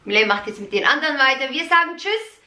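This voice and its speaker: High bright mom voice, woman chatting on a family vlog, echoey room. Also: big pitch swings, fast. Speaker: family channel host. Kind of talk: casual vlog chat. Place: living room. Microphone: camera a short distance away. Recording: echoey room, faint noise.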